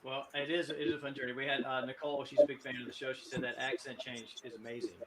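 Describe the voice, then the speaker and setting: A man's voice: medium pitch, little pitch movement, quick pace, a bit bright. A man hosting an interview show, chatting with his guest in an eager, affirming way. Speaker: host. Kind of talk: casual interview chat.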